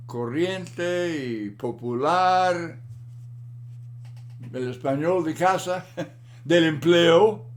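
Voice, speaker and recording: A man giving a Bible lesson in a slow, deliberate manner, often repeating words for emphasis. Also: a little high. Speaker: Bible teacher.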